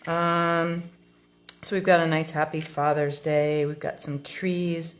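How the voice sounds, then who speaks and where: Low-voiced woman chatting through an unboxing. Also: flat delivery, slow pace. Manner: chatty, thinking aloud with frequent ums. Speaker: card-making tutorial host. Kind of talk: casual unboxing demonstration.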